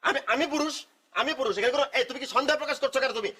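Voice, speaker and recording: A man's voice: extremely high pitch, racing, sharp tone, a little hiss or hum. A man playing a pompous, preachy young man. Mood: indignant lecturing. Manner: pompous, preachy, repeats himself indignantly. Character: pompous self-important young man lecturing his partner. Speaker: comedic actor. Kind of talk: comedy skit acting.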